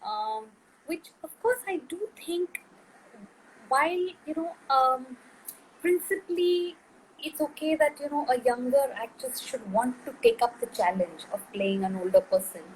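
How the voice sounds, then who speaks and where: A woman's voice: high voice, a little slow, a little hiss or hum, rough recording. A middle-aged woman, a film director being interviewed, speaking thoughtfully with frequent fillers and restarts. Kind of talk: interview conversation.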